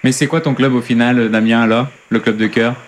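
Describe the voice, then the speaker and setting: A man co-hosting a radio show, asking leading, probing questions in a relaxed, hesitant way. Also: medium pitch, a little fast, background noise. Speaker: radio co-host, interviewer. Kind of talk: casual radio interview.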